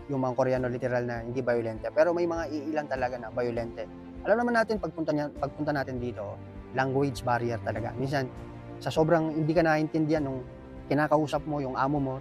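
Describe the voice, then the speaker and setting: Fast-talking man telling a workplace story. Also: mid-range voice. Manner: earnest, animated storytelling. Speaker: vlogger, factory worker. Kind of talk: casual storytelling vlog.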